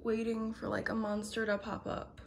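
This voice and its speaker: A woman's voice: fairly high pitch, completely flat delivery, moderate pace, gravelly, a little hiss or hum. A young woman chatting to camera from her bedroom at home, meandering and filling her talk with ums and likes. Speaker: vlogger. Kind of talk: casual chat to camera.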